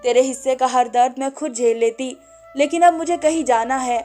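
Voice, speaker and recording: A gentle, sorrowful mother, as a woman storyteller voices her, speaks in a tender, pleading way. Her voice sits high, with faint music underneath. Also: fairly even intonation, moderate pace, lightly acted.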